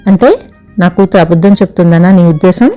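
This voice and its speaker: A woman's voice: fairly low pitch, fairly quick, dark tone, soft background music, lightly acted. A woman voicing a proud, stern older husband in an audio story, speaking curtly. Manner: stern, curt.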